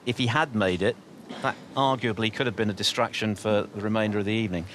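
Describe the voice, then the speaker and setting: Low-voiced man in hushed snooker commentary. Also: steady tone, quick pace, noisy background.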